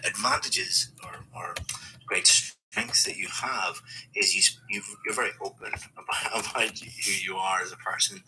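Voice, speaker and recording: A man with a very low voice, giving patient feedback as a speaking examiner. He sounds encouraging and explains each point. Steady background noise sits behind him. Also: poor audio. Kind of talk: giving spoken exam feedback.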